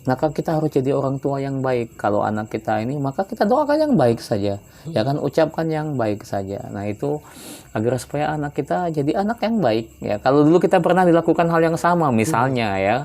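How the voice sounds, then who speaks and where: A man from Palembang giving religious advice in a relaxed conversational way, often tagging his points with questions. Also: medium pitch, fairly quick. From Palembang, South Sumatra. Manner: relaxed and chatty, often adds "ya kan" tag questions. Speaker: Islamic religious teacher.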